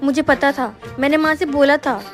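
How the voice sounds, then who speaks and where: A timid young sister-in-law frets and hesitates, as a woman plays her in a short family drama skit. Her voice is fairly high and unsure. Clear background music runs under her lines. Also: fairly even intonation, moderate pace, lightly acted. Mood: anxious. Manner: hesitant, anxious.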